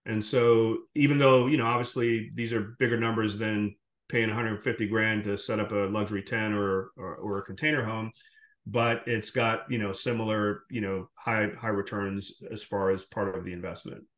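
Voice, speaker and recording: Born in Guyana and raised in Jamaica, this man is a short-term rental investor appearing as a podcast guest. He explains his business in detail and conversationally, using a fairly low, fairly bright voice with little pitch movement at a moderate pace. The recording sounds roomy and echoing.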